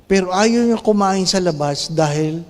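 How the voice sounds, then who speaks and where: A priest giving a sermon, playful and animated, firing off rhetorical questions to the congregation. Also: male voice, high voice, moderate pace, long reverb tail.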